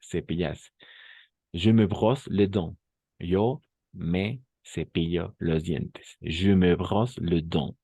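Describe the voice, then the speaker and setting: A man's voice: low voice, steady tone, extremely slow, dark tone, breathy edge, no room sound. A male French teacher giving a bilingual lesson, patiently repeating each phrase and often checking that the class understands.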